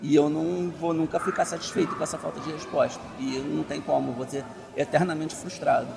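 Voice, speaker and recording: A man's voice: a little high, flat delivery, fairly quick, creaky. A man with a Brazilian Portuguese accent, speaking emphatically in an interview. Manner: frustrated, emphatic. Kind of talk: casual interview.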